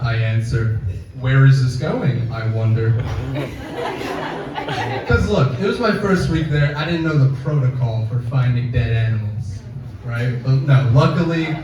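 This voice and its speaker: A young man performing a stand-up comedy set on a campus coffee house stage, deadpan and self-deprecating, with audience laughter behind him. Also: medium pitch, muffled recording. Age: young adult. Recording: echoey room, mic from far off.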